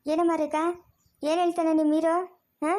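A bold, caring elder sister in a cartoon, voiced by a woman who soothes and coaxes over and over. She speaks in a very high voice. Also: level tone, a little fast, darkish tone. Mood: soothing. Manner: soothing, coaxing, repeats comfort.

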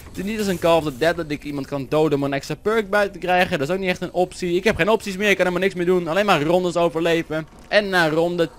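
Dutch teen guy yapping over a zombie game, a bit high voice, swears a lot, hums and sings while he plays. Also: fast talker, few pauses. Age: teens. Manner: excitable, swears and yelps at setbacks, hums and sings along. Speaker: gameplay commentator. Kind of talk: Let's Play commentary. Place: home room with a vacuum cleaner running outside.

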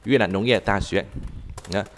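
A man teaching a live online language class, talking haltingly and repeating words as he types and explains. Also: on the low side, a bit bright, a little hiss or hum. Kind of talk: live online tutoring session.

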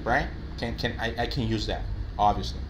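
Upbeat bilingual teacher, quick praise for students, faint noise behind. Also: male voice, medium pitch. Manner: lively, mixes Spanish and English, praises students often. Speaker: English teacher for call center agents. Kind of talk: live online class, reading out student answers.

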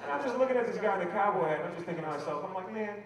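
A man's voice: high voice, expressive, rapid-fire, heavy background noise. A young man doing a stand-up comedy set at an outdoor rally, hyped and self-mocking, acting out the people in his stories. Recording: echoey outdoor rally PA from far off. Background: large laughing crowd.

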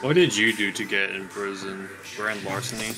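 A man's voice: fairly low pitch, fairly even intonation, normal speed, over music. A man chatting casually with a friend while playing a game, teasing and bantering. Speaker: gamer. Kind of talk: casual gaming chat.

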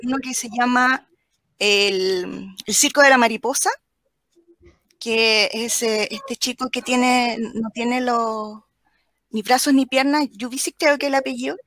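A woman with a Chilean accent, a teacher telling a lively anecdote as a guest on a video call. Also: a little high, a little slow, no echo. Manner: animated, acts out the children's voices. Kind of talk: storytelling anecdote in live chat.

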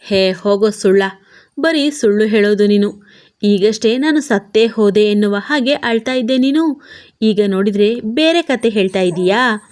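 A wounded, soft-spoken young wife who pleads in plaintive questions, as a woman storyteller voices her. Her tone is mellow and warm, told like a storybook scene. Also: mid-range voice, normal speed, natural voice. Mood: pleading.

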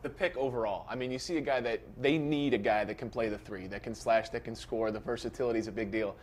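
A young man hosting a TV sports show in a studio, brisk and upbeat as he leads the segment. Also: mid-range voice, a little mellow, a little hiss or hum. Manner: brisk, upbeat presenter delivery. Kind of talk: TV sports host chat.

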